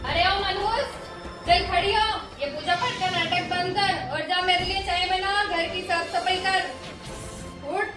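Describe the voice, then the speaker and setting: Woman voicing a spiteful cartoon mother-in-law; piercing high voice, distant roomy sound. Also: a little slow. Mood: scornful. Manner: scolding, insulting, shrill. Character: harsh scheming Indian mother-in-law woman. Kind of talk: animated storybook voice acting. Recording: echoey room from far off, music behind.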